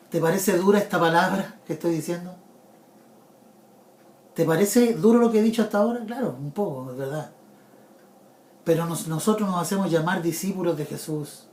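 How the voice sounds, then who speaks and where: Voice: medium pitch, a little mellow, reverberant. A preacher giving an earnest sermon, repeating key points and speaking directly to the listener as a brother.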